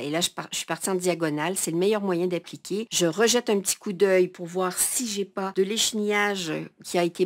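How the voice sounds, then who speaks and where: A woman teaching a hands-on craft tutorial. She talks through each step as she works, with lots of energy and easy laughter. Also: fairly low pitch. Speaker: crafting instructor. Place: at a work table.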